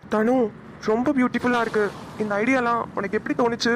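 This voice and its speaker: A man acting a caring, protective young man in a short family drama, giving firm advice and speaking gently to loved ones. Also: very high voice, steady tone, a little fast, background noise. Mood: affectionate. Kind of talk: Tamil short-film dialogue acting.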